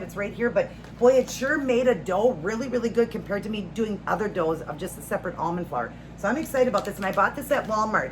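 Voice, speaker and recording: A middle-aged woman hosting a vlog, chatting casually to viewers in a rambling, homey, earnest way. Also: mid-range voice. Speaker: host of a food and faith vlog. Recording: noticeable background noise, home video.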